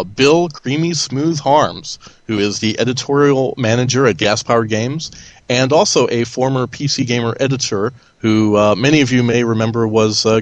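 A man hosting a casual podcast, a little hoarse as he gets over an illness. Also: mid-range voice, dry recording. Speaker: podcast host. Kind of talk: casual hosted podcast chat.

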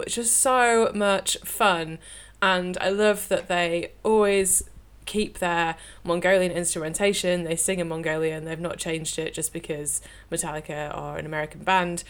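A woman's voice: fairly low pitch, fairly even intonation, measured pace, clear, resonant tone. A woman with a Northern English accent co-hosting a music podcast, gushing eagerly about a song she loves. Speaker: podcast co-host. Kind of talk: casual music review chat.

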